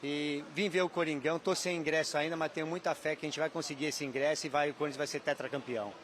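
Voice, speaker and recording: A man's voice: fairly high pitch, steady tone, fast talker, fairly bright tone, slight background noise. A man from São Paulo state, a football fan answering a street interview in a hopeful, plain-spoken way. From São Paulo state, Brazil.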